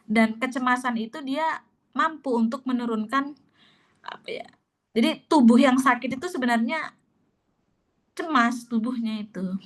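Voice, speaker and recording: Woman, casual teacher, chatty and emphatic, slightly high voice. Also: moderate pace, pauses often. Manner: chatty and emphatic, repeats herself, many fillers. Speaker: teacher of a tapping class. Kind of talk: casual spoken lesson.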